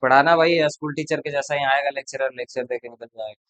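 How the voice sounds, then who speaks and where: Male coaching tutor, mid-pitched, blunt and chatty with students, dry close sound. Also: steady tone, fast talker, fairly bright tone, no echo, rough recording. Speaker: math tutor. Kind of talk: casual classroom talk to students.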